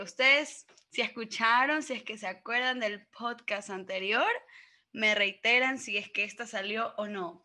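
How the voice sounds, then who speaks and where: A woman's voice: a little high, bright, forceful tone. A woman co-hosting a podcast in giggly, teasing casual chat. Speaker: podcast co-host.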